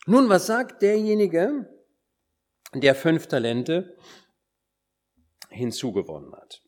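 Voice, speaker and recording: A man preaching a sermon, acting out quoted words and dropping at times into hushed whispers for solemn points. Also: on the high side, slow. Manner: animated, swings between emphatic calls and hushed whispers.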